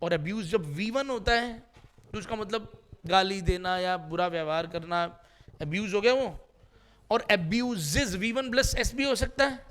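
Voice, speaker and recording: High, bright-voiced teacher. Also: male voice, unhurried. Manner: lively, drills students with repeated questions, playful. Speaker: English teacher. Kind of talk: classroom lesson with questions to students.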